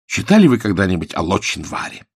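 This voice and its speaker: A man's voice: deep voice, huge pitch swings, quick pace, creaky, slightly rough, no echo, studio quality, full character voice. A man voicing an impulsive young man in love who talks eagerly and keeps pressing his point. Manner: eager, insistent, repeats himself.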